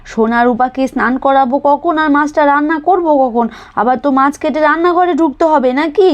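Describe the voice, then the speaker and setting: A woman's voice: sits high, moderate pace, muffled recording, pitched above the performer's own voice, natural voice. A woman doing a whiny young wife. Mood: complaining. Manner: complaining, pleading. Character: young wife, touchy and complaining.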